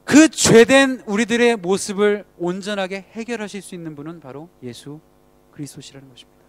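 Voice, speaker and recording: A man preaching a sermon to a youth group, speaking conversationally, asking the congregation questions and letting phrase ends trail off quietly. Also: high voice, brisk, no echo.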